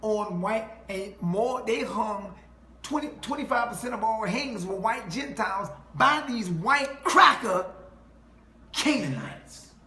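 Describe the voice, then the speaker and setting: A man's voice: sits high, unhurried, a bit bright. A man delivering an emphatic preaching monologue to a listener, quoting scripture and laughing mockingly. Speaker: self-styled preacher. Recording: echoey room with faint noise.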